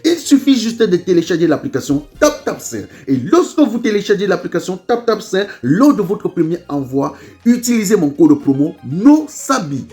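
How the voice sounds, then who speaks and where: Mellow-voiced man reading a sponsor ad. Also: high-pitched, very animated, normal speed, faint music behind. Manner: upbeat, spells out a promo code. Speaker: channel host reading a sponsor ad. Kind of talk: promotional read.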